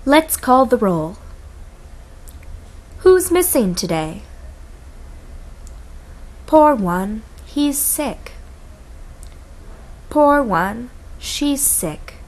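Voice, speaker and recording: Slow, high-voiced woman reading commands. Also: big pitch swings. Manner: slow, clearly articulated, pausing after each phrase. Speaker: English instruction reader.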